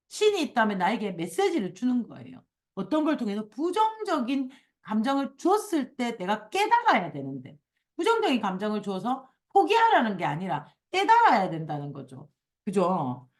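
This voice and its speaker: A woman hosting a casual book discussion, reading passages aloud and acting out quoted complaints. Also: medium pitch. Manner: animated, acts out quoted complaints in a raised voice. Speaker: book club host.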